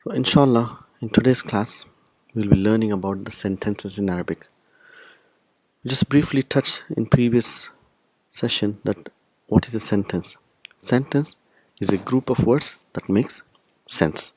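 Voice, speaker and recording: A man teaches a recorded lesson in a fairly low voice. He explains each point step by step and comes back to the key terms again and again. The sound is close and dry, with no room echo. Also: a little slow, long pauses, darkish tone, breathy edge. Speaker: Arabic teacher.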